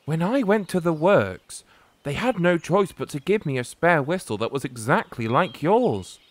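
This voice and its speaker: A man's voice: on the high side, expressive, moderate pace, close to an everyday voice. A man voicing a cheerful, well-mannered male tank engine in a storybook tale. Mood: puzzled.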